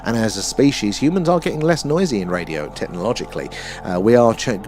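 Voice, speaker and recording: Low-pitched Essex man live streaming. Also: animated, fast talker, a little mellow, soft background music. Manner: rambling, conversational, addresses viewers directly. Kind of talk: casual live stream chat and explaining.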